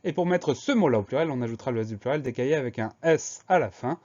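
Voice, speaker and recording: A man teaching a spelling lesson, explaining each word and spelling it out letter by letter in a slow, deliberate way. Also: mid-range voice, animated, darkish tone, highs cut off.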